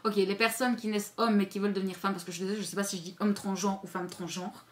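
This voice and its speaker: A woman's voice: medium pitch, steady tone, fast talker. Candid, crude-talking woman vlogger. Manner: chatty, candid and crude, with many restarts; playful, jumping between loud and mumbled asides. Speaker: YouTuber. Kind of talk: casual vlog chat to camera.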